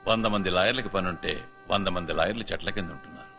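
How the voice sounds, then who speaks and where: A middle-aged actor playing an authoritative, pragmatic judge. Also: male voice, deep voice, racing. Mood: stern. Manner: authoritative, advising. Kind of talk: film dialogue. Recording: film soundtrack with music.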